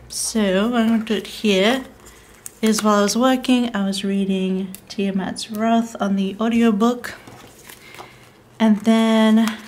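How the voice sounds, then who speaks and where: A young woman talking casually over her planner video, rambling along with frequent ums and small laughs. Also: mid-range voice. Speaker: planner vlogger.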